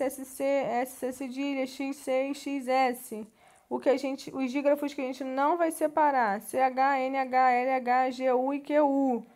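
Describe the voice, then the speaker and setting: A woman's voice: high-pitched, darkish tone. A woman teacher with a Brazilian Portuguese accent explains a textbook lesson patiently, often adding little tag questions as she goes. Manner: patient, explanatory, with frequent "né" tags and restarts. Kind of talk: classroom lesson walking through a textbook.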